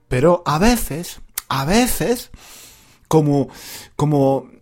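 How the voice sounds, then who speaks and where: Animated playful male teacher. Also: fairly high pitch, drawn-out words. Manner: repetitive, playful, self-deprecating. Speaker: podcast host and Spanish teacher. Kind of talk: teaching Spanish podcast.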